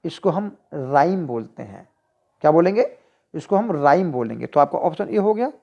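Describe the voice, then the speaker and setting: A woman teacher with a Hindi accent, going through exam practice questions, reading each one slowly and then explaining the answer choices. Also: low voice, very animated, vocal fry, dull audio. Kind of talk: exam-prep lesson.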